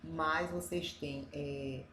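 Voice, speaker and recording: A woman's voice: low-pitched, fairly even intonation, drawn-out words, sharp tone. A woman teacher with a Brazilian Portuguese accent, going through review exercises step by step and often checking in with "né?". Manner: explains step by step, often adds "né?". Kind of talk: reviewing exercises for adult students. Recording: echoey room, faint ambient noise.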